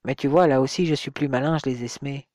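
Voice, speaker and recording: A man's voice: mid-range voice, fast talker, a little mellow, no room sound, clean studio sound, close to an everyday voice. A man doing a sneering young schemer. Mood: gloating.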